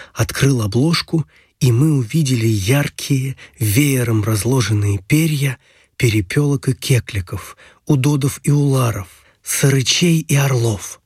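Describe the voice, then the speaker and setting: Brief: male story narrator, mid-pitched and slightly husky, dry close sound. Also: dry recording. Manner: steady storytelling, brisk past-tense narration.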